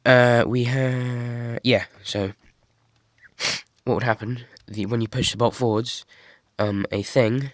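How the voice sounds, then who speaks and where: A young man casually showing off a toy model he built, talking in a monotone with many fillers and restarts. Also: mid-range voice, takes it slowly, no echo. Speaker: hobby builder showing a model. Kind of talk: casual show-and-tell.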